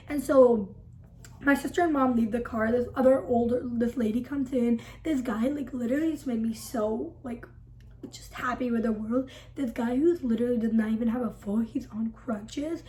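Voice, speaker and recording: A woman's voice: a little high, brisk, warm tone, low-quality recording. A woman vlogger telling a storytime in a dramatic, breathless way, filling it with "like". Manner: breathless, dramatic retelling packed with "like". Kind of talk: storytime vlog.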